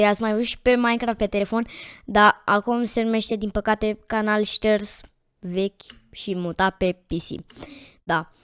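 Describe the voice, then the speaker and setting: A woman hosting a gaming channel, chatting casually to viewers while she plays and repeating words in quick excited bursts. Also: a little high, smooth, dry recording, studio quality. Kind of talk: casual let's-play commentary.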